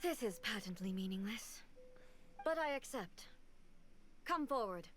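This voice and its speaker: An actress playing a stern immortal female shogun in a video game, speaking formally and with measured command. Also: mid-range voice, expressive, close to an everyday voice. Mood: cold, dismissive. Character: stern, all-powerful immortal female shogun ruler, cold and imperious.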